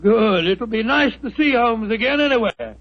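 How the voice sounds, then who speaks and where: An actor playing Doctor Watson, a flustered, hesitant middle-aged doctor, in a 1940s radio drama. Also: male voice, very high voice, lively intonation, normal speed, faint music behind. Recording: muffled old 1940s radio broadcast.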